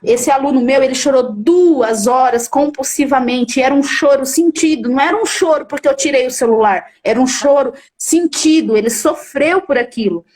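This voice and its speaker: High-voiced emphatic woman teacher. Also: normal speed, hardly any pauses, darkish tone. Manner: emphatic, acts out firm commands. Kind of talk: explaining in an interview.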